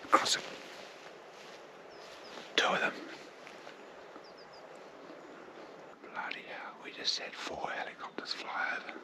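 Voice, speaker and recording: A man giving hushed, whispered vlog commentary. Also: moderate pace. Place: outdoors in bush by a swamp.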